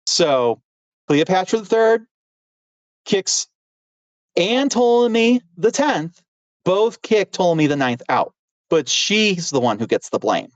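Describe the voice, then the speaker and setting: A man's voice: high-pitched, sing-song, slow pace, pauses often, no echo, lo-fi sound. A man co-hosting a history podcast, telling the story in a playful, joking way. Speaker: podcast co-host. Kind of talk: casual history podcast chat.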